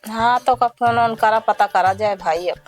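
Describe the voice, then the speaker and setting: Casting: actress as evasive village auntie, high voice, Awadhi accent, faint music underneath. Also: female voice, normal speed, lightly acted. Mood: worried. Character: village auntie, evasive then worried about relative. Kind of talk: amateur village comedy skit dialogue.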